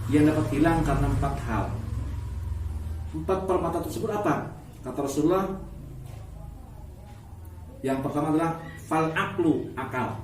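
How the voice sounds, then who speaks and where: A man with a fairly high voice explains like a religious teacher, setting out his points phrase by phrase in a didactic way. He is recorded at a distance in an echoey space with some noise. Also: darkish tone. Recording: echoey, noisy, distant mic.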